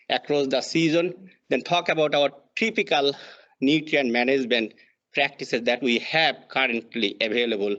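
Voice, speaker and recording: A man's voice: fairly high pitch, fairly bright tone, lo-fi sound. A man in his thirties from Bangladesh with a Bangladeshi accent, giving an extension talk on crop management over slides, with frequent fillers and restarts. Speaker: extension soil fertility specialist.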